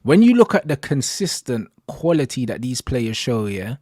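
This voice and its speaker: A man's voice: mid-range voice, very animated, moderate pace, a little mellow, breathy edge, no room sound, studio quality. A man with a London roadman accent, ranting casually about football in emphatic, repetitive street slang. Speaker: football fan pundit.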